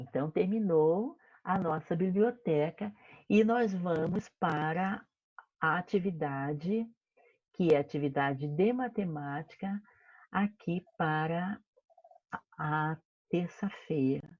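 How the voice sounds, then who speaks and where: A Brazilian woman teacher reads a storybook to young pupils, taking her time over every line in a lowish voice. Her delivery is expressive and playful, full of sound words. The recording is dry and slightly dull, like a lo-fi home setup. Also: slow, dry recording. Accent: Brazilian Portuguese. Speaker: primary school teacher. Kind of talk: reading a children's story aloud in an online class.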